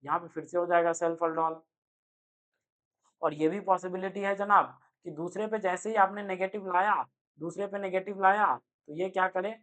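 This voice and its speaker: A young man giving an energetic online chemistry lecture, speaking loudly and constantly quizzing his students with quick rhetorical questions. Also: sits high. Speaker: chemistry teacher. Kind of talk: online exam-prep lecture.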